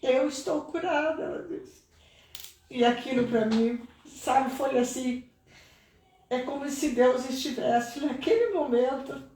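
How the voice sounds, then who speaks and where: An earnest middle-aged Brazilian mother of a cancer patient appears as a guest on a live stream, giving an emotional, prayerful testimony in a Brazilian Portuguese accent. Her darkish voice rises in pitch when she is moved, and the distant mic makes the room sound roomy.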